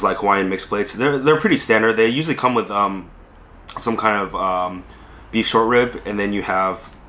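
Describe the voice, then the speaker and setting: Hoarse, low-voiced man rambling casually. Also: a bit bright, slight background noise. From Southern California. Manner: rambling, many ums and pauses. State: hoarse, recovering from illness. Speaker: food vlogger. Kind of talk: casual rambling mukbang vlog. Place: restaurant dining room.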